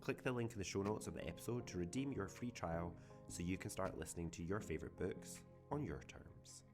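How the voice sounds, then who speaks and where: A man's voice: low-pitched, brisk. A man voicing a sultry male ad announcer in an exaggerated sexy voice. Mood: seductive. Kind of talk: mock advert read. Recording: music bed underneath.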